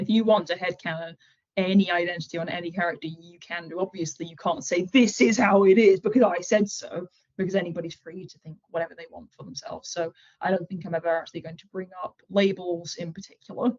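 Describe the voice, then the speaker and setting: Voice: medium pitch, little pitch movement, fast talker, dull audio. Frank, self-assured creator in their twenties. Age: 20s. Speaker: series creator interviewed as guest. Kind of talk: casual interview answers.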